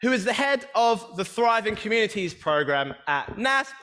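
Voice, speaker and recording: A man's voice: high voice, expressive, normal speed, a bit bright. A man hosting a live event on stage, playful and teasing with the audience. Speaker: event host. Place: large event hall with an audience. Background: audience murmur.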